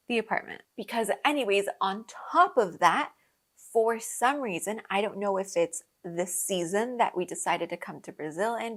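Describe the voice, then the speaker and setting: A young woman who was born in Colombia and grew up in the US, hosting a podcast and telling travel stories in a chatty way, with lots of fillers, laughing often and acting out her own reactions. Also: mid-range voice. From born in Colombia, raised in the US. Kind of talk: casual storytelling chat.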